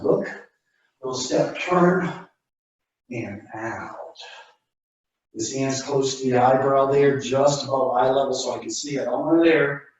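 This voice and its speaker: A karate instructor explains technique to his class in an informal, instructive way, frequently checking in with short questions. His voice is medium-pitched and a little mellow. Picked up by a distant camera microphone in a very echoey room, the sound is dull.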